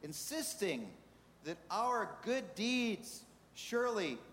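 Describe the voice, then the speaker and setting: A man preaching a sermon in a measured way, asking the congregation rhetorical questions. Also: high-pitched, lively intonation, fairly bright tone. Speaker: pastor. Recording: reverberant hall with faint ambience.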